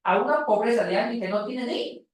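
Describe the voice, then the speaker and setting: A woman leads a Bible lesson in a classroom. Her pitch jumps around a lot as she explains and jokes with the students. The room is echoey. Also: a little fast, distant mic. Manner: lively, calls on students by name, jokes. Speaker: Bible teacher.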